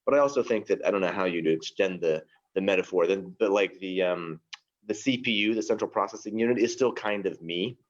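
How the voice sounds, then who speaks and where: Low-voiced man, thoughtful and wry. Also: fairly quick, dull audio. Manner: thoughtful, self-deprecating, hesitant fillers. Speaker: tour guide. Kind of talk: casual round-table chat.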